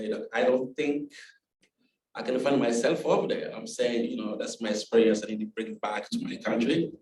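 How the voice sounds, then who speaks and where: A man's voice: mid-range voice, darkish tone. Man, panel story, lots of uh's, faint hiss, roomy. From Democratic Republic of the Congo. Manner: halting, many uh fillers, broken grammar. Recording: echoey room from far off, faint noise.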